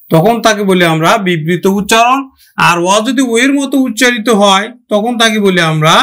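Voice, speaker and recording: A man teaching an online grammar lesson. He asks questions, answers them himself, and stretches out each example word slowly. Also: sits high, pushed and bright. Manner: slow, drawn-out pronunciation of example words.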